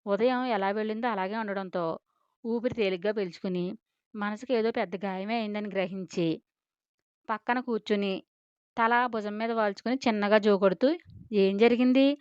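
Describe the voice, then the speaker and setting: A woman narrating an audio drama story with a steady, expressive reading. Her voice is smooth and resonant and recorded dry and close. The audio is a little dull and lo-fi. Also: mid-range voice, moderate pace, no echo.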